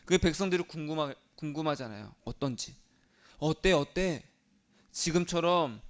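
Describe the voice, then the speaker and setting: A man's voice: a little high, a bit bright, clear, resonant tone. A male pastor preaching a sermon in a conversational way, asking his congregation questions.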